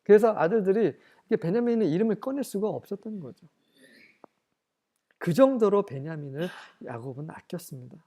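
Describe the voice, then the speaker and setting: An English Bible teacher giving a study lecture, reading verses slowly and then explaining them, often asking questions and answering them. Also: mid-range voice, expressive, warm tone.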